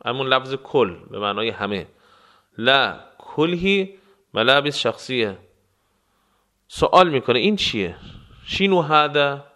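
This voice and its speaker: A man teaching travel phrases, explaining words and repeating them slowly for practice. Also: medium pitch, big pitch swings, bright, forceful tone. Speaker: language teacher. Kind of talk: phrase lesson with slow repetitions.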